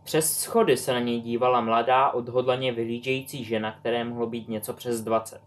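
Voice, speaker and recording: A man's voice: medium pitch, steady tone, a little hiss or hum. Man reading a story aloud. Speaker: audiobook reader. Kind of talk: scripted narration.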